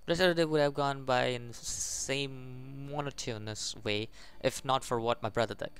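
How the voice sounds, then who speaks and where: A man with a mid-range, steady, slightly bright and clean voice speaks at a normal speed as he hosts a gaming video. He reads the story aloud, stumbles occasionally, and reacts to what happens, with faint game music behind him.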